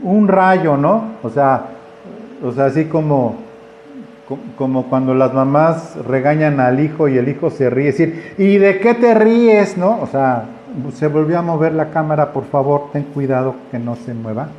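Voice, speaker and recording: A man's voice: mid-range voice, fairly even intonation, normal speed, darkish tone, lo-fi sound, slight background noise. A man preaching a conversational sermon, acting out the voices in his stories. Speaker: pastor. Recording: echoey room with faint ambience.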